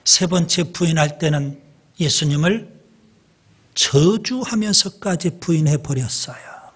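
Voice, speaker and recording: A male pastor preaching a sermon in a church, slow and deliberate, pausing for emphasis and addressing the congregation directly. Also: on the high side, breathy edge.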